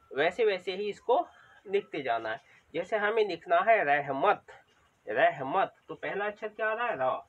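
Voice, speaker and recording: A man teaching children, slow and patient, repeating each sound aloud as he goes. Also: high voice, fairly bright tone, breathy edge. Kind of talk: patient spoken lesson. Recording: distant, dull lo-fi sound.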